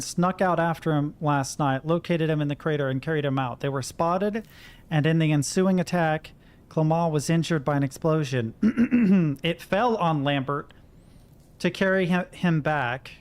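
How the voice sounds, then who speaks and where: Speaking at a measured pace in a somewhat high voice, this American streamer from Kentucky keeps up casual game commentary, reading notes from the game and talking to himself as he goes.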